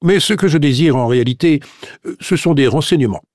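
A man's voice: a little high, brisk, a little mellow, no echo, pitched above the performer's own voice, close to an everyday voice. A man doing a pompous police commissioner. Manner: self-important, questioning. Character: pompous middle-aged male police commissioner. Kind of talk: audiobook character voice. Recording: dry studio recording.

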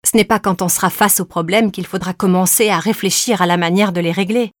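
A woman's voice: lowish voice, fairly even intonation, a little fast, no echo, natural voice. A woman reader voicing a pregnant young wife who is firm, teasing and sure of her rules, in an audiobook.

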